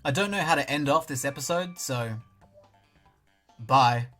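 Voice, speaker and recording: A man's voice: medium pitch, a little slow, fairly bright tone, soft background music. A young Australian man giving casual let's-play commentary, with dry, self-mocking jokes. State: talking with a mouth full of banana at times. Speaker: gaming YouTuber.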